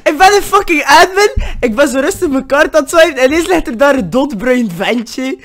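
A man's voice: extremely high pitch, lively intonation, brisk, a bit bright. A teenage boy, giggling, protesting and swearing in game chat. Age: teens. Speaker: gamer. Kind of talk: casual gaming chat.

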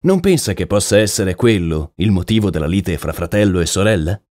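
A man voicing a shrewd, calm male detective in an audiobook, asking measured questions. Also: low voice, no room sound, clean studio sound. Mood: probing. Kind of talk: audiobook character reading.

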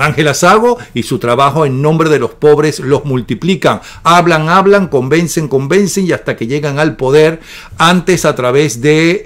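Bantering male news-show host. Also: medium pitch. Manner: jokey, teasing, quick questions.

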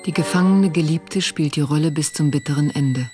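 Male documentary narrator over loud music. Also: on the high side, normal speed. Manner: terse, clipped sentences.

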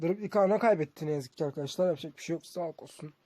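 Guy streamer chatting casually through a football game, highish voice, dry close sound. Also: rapid-fire, warm tone, no room sound. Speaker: gaming streamer. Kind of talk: casual game commentary to viewers.

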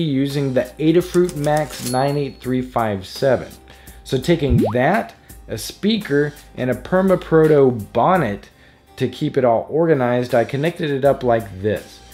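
With a medium pitch and a dark tone, this electronics DIY tutorial host reads his scripted narration playfully, cracking jokes as music plays behind him.

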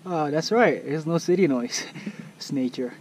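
A young man talking excitedly to his viewers in a casual vlog from a mountain summit outdoors, repeating himself as he points things out. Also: a little high, normal speed, noisy background. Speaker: vlogger.

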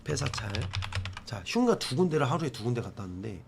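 A man's voice: mid-range voice, very animated, a little fast, gravelly, noisy background. A man hosting a ghost investigation in a casual, joking, informal way with questions and commentary.

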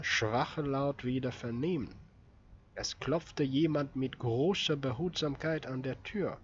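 A man narrating an audiobook in a steady, measured reading voice. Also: mid-range voice, dull audio, a little hiss or hum. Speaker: audiobook reader.

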